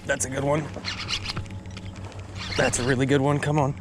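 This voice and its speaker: A man's voice: mid-range voice, level tone, normal speed. A man chatting casually in an outdoor fishing vlog, with frat-bro slang and hyped exclamations. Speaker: angler filming a fishing video. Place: outdoors by the water. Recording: outdoor recording with clear background noise.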